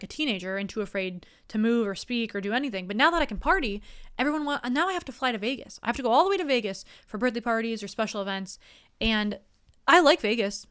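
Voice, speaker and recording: A woman's voice: medium pitch, fairly bright tone, clear, resonant tone. A young woman hosting her show with a rambling, self-mocking comic monologue. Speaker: comedian host.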